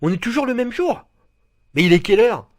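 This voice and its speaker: A man's voice: extremely high pitch, animated, brisk, no room sound. An actor playing a confused teenager stuck in a grown man's life, baffled and exasperated.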